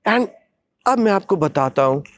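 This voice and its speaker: Guy telling a wild story on his vlog, lively, acts out every sound, voice sits a bit high. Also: measured pace. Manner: dramatic, acts out sounds and shouts, mixes English into Hindi. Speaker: vlogger telling a personal story. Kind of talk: animated storytelling.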